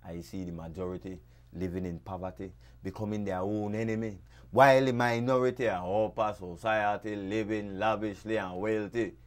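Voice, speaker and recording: A man with a Belizean accent reciting dub poetry in a rhythmic, rhyming delivery with sharp swings in loudness. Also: fairly low pitch, steady tone, moderate pace. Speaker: dub poet.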